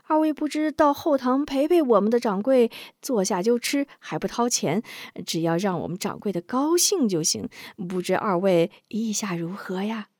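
A man's voice: high-pitched, expressive, normal speed, hardly any pauses, darkish tone, dry recording, studio quality. A woman reading a story, voicing a young male inn waiter who coaxes with a sly, ingratiating smile. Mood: fawning.

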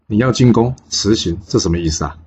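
A man's voice: fairly low pitch, animated, fast talker, a little mellow, muffled recording, a little hiss or hum, natural voice. A man playing a kindly, worried old minister. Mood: concerned.

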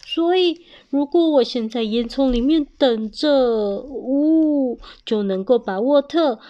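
A woman's voice: high voice, slow pace, dark tone, muffled recording, pitched above the performer's own voice. A woman voicing a greedy little bear boy who whines and exclaims, in a storybook reading. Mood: scheming. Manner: whiny, exclaiming.

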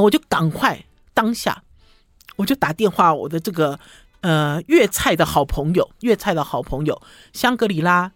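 A woman's voice: on the low side, dry recording, clean studio sound. A woman hosting a radio food show, talking casually and tagging her phrases with a short "ha". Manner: chatty, ends phrases with a short "ha".

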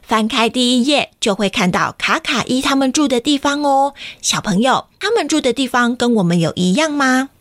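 A woman's voice: high-pitched, expressive, moderate pace, hardly any pauses, no echo, clean studio sound. Playful woman storyteller reading to kids. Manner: playful, sing-song, asking the children questions. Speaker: children's storyteller. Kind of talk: reading a picture book aloud to children.

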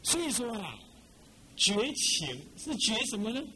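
A middle-aged man from Taiwan gives a Buddhist dharma talk as abbot. His voice is high and bright, and it swings widely in pitch as he keeps putting rhetorical questions to his listeners. A faint hum of ambience sits behind him. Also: huge pitch swings, a little slow, poor audio. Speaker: abbot teaching monastics.

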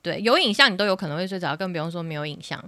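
Brief: fast-talking woman, English tutor, bright tone, slightly low pitch, dry close mic. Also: no echo. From Taiwan. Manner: animated, laughs often, many fillers. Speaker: English teacher. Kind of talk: casual podcast chat.

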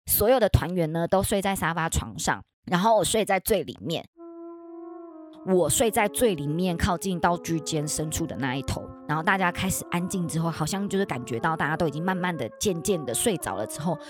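A young woman with a Taiwanese Mandarin accent, hosting a podcast and telling ghost stories casually from her bedroom, with dramatic jumps into high, excited exclamations. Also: dry recording, clean studio sound. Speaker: podcast host. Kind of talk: casual storytelling.

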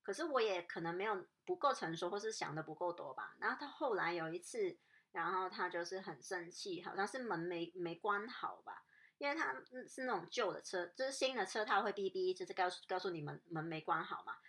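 A young woman recounts a personal story in a relaxed, rambling way. Her voice sits somewhat low for a woman. She often stops, restarts and fills pauses as she talks. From Hong Kong. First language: Cantonese. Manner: hesitant, many restarts and fillers, chatty.

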